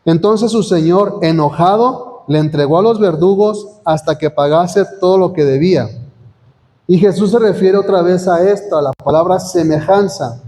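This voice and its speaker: A man's voice: high voice, moderate pace, mellow. A man preaching a sermon as pastor, reading scripture aloud and asking the congregation questions. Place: church hall. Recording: long church hall reverb.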